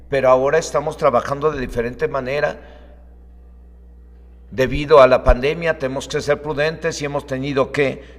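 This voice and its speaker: A man preaching an online sermon as a pastor, moving between calm teaching and fervent prayer. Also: mid-range voice. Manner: starts calm, then fervent, raising his voice to preach. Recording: long hall reverb.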